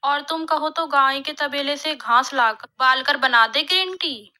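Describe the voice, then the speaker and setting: A woman's voice: sits high, unhurried, bright, forceful tone, exaggerated voice. A woman voicing an older village headman, a father-in-law who teases and scolds his new daughter-in-law. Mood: teasing. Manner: teasing, scolding.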